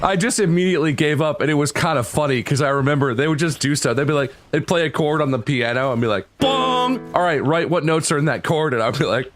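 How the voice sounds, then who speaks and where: A man chatting casually on a podcast, tossing in quick jokes and quips. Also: fairly high pitch, faint music behind. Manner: jokey, quick quips, lively delivery. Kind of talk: casual chat.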